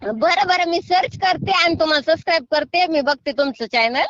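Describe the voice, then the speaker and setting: A woman's voice: extremely high pitch, fairly quick, fairly bright tone, no echo. A middle-aged woman on a phone call, scolding at first and then pleading and apologizing. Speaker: prank call target. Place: sitting in a field.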